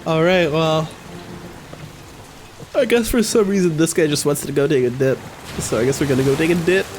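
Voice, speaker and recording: A man's voice: on the high side, normal speed, a little mellow, slight background noise. A man streaming a game live, giving wry, joking, chatty commentary.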